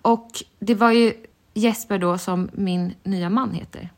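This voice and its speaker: A woman co-hosting a podcast, telling an animated story and often breaking into laughter. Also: mid-range voice. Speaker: podcast co-host. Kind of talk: casual chat.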